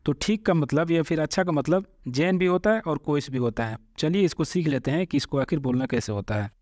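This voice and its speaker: A man's voice: a little high, lively intonation, a little mellow, dry recording, clean studio sound. A man teaching Arabic phrases step by step. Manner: repeats each phrase slowly, then explains it word by word. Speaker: language teacher. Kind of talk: spoken Arabic lesson.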